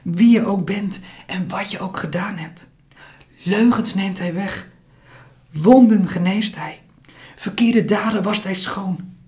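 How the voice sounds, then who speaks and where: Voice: medium pitch, pitched above the performer's own voice, natural voice. Een voorlezer die een gelovige moeder speelt die zacht en dringend fluistert. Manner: whispered, soft, urgent. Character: gentle, devout mother, whispering fervently.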